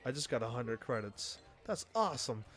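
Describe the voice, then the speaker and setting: A man's voice: medium pitch, very animated, normal speed, a bit bright, faint music behind. A man giving casual live gameplay commentary, rambling and thinking aloud as he plays. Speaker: game streamer.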